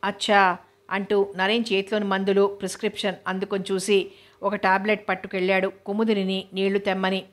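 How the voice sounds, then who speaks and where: Woman reader for a serialized novel, flat steady delivery, medium pitch. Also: fairly quick. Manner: steady, even narration. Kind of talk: reading a novel aloud.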